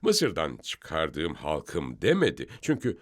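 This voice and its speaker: Deep-voiced man teaching scripture, lively. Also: takes it slowly. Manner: explanatory and emphatic, teaching step by step. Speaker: Bible teacher. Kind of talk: scripture study discussion.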